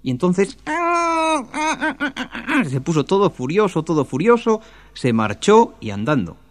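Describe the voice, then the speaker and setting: A man's voice: on the high side, very animated, measured pace, darkish tone, no room sound. A man telling a folktale aloud in a homespun storytelling manner.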